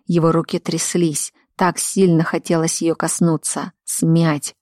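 A woman narrating an audiobook in a steady, measured reading voice. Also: deep voice, no echo, clean studio sound. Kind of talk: scripted narration.

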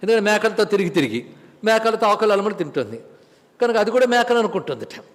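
A man giving a Bhagavad Gita discourse who explains patiently, chants verses slowly and acts out little dialogues. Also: high voice, lively intonation, big-room sound. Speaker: spiritual discourse speaker.

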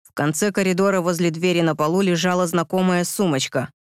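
Forceful male audiobook narrator. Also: high voice, fairly even intonation, fairly quick, clear, resonant tone, no echo, clean studio sound. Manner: forceful, emotional delivery.

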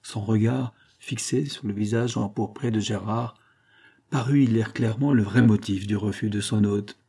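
A male audiobook narrator reading a nineteenth-century novel in a measured, even manner. His voice sits low and sounds dark and mellow. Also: husky. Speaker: audiobook reader.

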